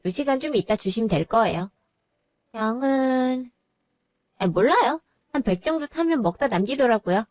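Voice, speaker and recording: High-voiced, dramatic young sister-in-law acted by a woman, worn out and whiny, dry read. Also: animated, normal speed, darkish tone, no room sound.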